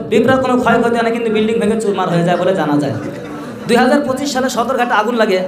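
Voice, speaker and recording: A man performs as a parody news anchor with a very high voice, rattling off mock-serious bulletins at a quick pace. The delivery is formal comedy, recorded in an echoey hall. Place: echoey room or hall at a madrasa event.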